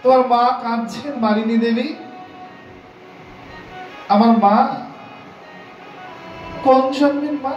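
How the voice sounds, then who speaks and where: A man's voice: very high-pitched, steady tone, slow pace, pauses often. A man voicing a detached revived son. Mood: questioning. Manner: questioning, detached. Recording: roomy, distant, dull with music.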